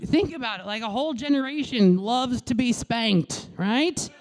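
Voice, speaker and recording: High-voiced brash woman doing stand-up. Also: moderate pace. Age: late 30s. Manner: brash, crude, deadpan asides to the crowd. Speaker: stand-up comedian. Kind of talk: stand-up comedy set. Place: comedy club stage.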